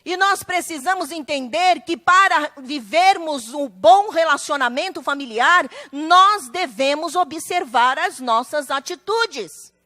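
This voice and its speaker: Slow high-voiced woman pastor preaching. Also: expressive, sharp tone. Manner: emphatic, acts out quoted family members. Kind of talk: sermon. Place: church.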